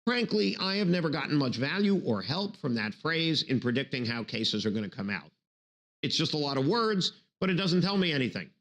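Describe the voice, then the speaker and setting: Jokey New law professor. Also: male voice, on the high side, a little fast. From New York City, Brooklyn. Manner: jokey, animated, acts out silly voices. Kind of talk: recorded bar review lecture.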